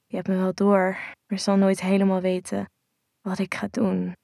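A woman voicing a soft, teasing male lover. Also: mid-range voice, monotone, moderate pace, gravelly, no room sound, clean studio sound. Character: man, a calm teasing lover.

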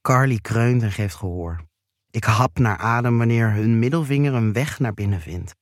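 Man, erotic story narration, hushed and intimate, close dry recording. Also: lowish voice, no echo. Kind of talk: first-person erotic story reading.

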